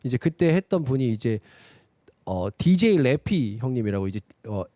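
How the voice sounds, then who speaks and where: A male trot singer talking casually on a concert stage with an animated, chatty manner, acting out what others said. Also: mid-range voice, normal speed, no room sound. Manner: animated, chatty, quotes people in their voices.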